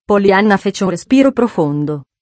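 A woman's voice: mid-range voice, no echo. Woman narrating a storybook, dry close sound. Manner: measured, expressive storytelling. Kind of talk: audiobook narration.

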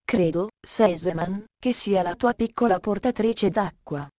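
A woman voicing a kindly male doctor who speaks gently and calmly, in a storybook reading. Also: medium pitch, no room sound, close to an everyday voice. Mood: gentle. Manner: gentle, soothing, unhurried.

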